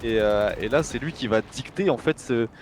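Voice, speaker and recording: A man's voice: mid-range voice, normal speed. A man commentating a match live as an esports caster, informal and conversational, often repeating phrases. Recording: faint gunfire and game noise behind.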